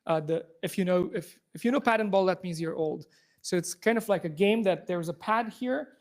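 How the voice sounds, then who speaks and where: This high-voiced man from Afghanistan is a software engineer running an informal live tech demo for a room audience. He speaks fast into a handheld or clip microphone, restarting often.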